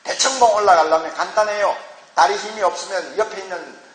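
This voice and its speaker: A man's voice: sits high, fairly quick. A man preaching a sermon as pastor, emphatic, with rhetorical questions and exclamations, in a large church hall. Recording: echoey church hall with long reverb.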